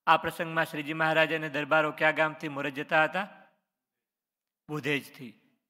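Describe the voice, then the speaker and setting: A man's voice: fairly high pitch, sharp tone, in a large hall. A man, a religious teacher reading out quiz questions on scripture stories and answering each one, with short explanations. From Gujarat, India.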